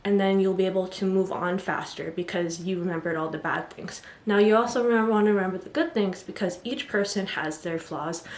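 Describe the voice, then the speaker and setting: A woman's voice: medium pitch, a little mellow. Woman, casual vlog chat, rambling, lots of fillers, slightly breathless, roomy echo. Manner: rambling, chatty, many "like" fillers, apologetic asides. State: a bit out of breath. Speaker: vlogger giving self-love advice. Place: indoor room, standing before the camera.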